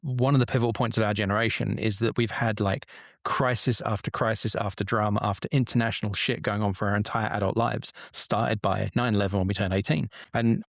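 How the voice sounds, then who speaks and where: A man in his forties from England rambles through a candid personal story, dropping the odd swear word as he goes. His voice sits on the low side. The sound is dry and close to the mic. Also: steady tone, a little fast, vocal fry, hardly any pauses, no room sound. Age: 40s. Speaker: podcast guest. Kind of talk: casual storytelling.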